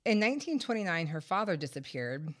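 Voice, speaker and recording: This podcast host has a fairly low-pitched voice and delivers her true-crime story in a very animated, fairly quick way, with sarcastic, wry comments along the way. She sounds congested and short of breath from a head cold.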